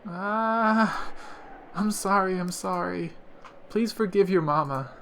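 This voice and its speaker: A man's voice: mid-range voice, steady tone, a little slow, fairly bright tone, slight background noise, natural voice. A man voicing a guilt-ridden mother who pleads tearfully for forgiveness, reading from a visual novel. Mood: frantic. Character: anguished grown woman, a guilty mother.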